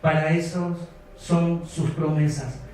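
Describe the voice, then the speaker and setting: A man's voice: fairly high pitch, steady tone, slow pace, darkish tone, slight background noise. A man with a Rioplatense Spanish accent preaching a sermon as pastor, retelling a story and exhorting his congregation. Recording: echoey hall, distant mic.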